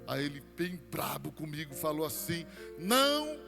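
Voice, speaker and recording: Brazilian pastor preaching over music. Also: male voice, fairly high pitch, normal speed, big-room sound. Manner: storytelling testimony, swings from hushed to shouted. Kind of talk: sermon. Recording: music playing behind.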